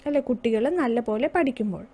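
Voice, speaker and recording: A woman's voice: fairly high pitch, warm tone. A woman teacher with a Malayali accent, explaining an English lesson for young pupils, asking questions and answering them herself. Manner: patient, slowing down to read English lines aloud.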